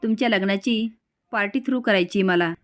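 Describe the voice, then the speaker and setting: A woman's voice: mid-range voice, brisk, faint music behind, lightly acted. A woman narrator voicing a scheming older mother-in-law who sounds sweet but threatens underneath, in a storytelling recap. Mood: falsely sweet.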